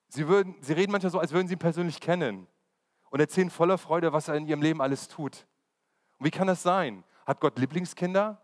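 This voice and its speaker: Male preacher, conversational sermon, mid pitch, long church reverb. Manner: conversational, asks the congregation questions.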